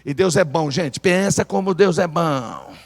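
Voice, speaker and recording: A Brazilian pastor preaching a lively sermon in church, urging the congregation to repeat phrases aloud. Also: male voice, on the high side, measured pace, gravelly. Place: church sanctuary. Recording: church hall reverb.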